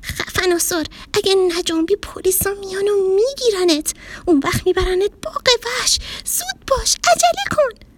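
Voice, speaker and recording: A woman voicing an excitable, easily scared young boy in a children's story, with shrill urgent cries. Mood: frantic.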